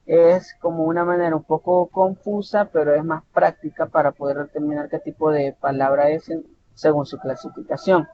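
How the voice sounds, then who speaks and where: A man's voice: flat delivery, moderate pace. A man from El Salvador tutoring an online lesson, explaining patiently and often restarting words and checking with "¿verdad?". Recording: dull lo-fi audio with faint rumble.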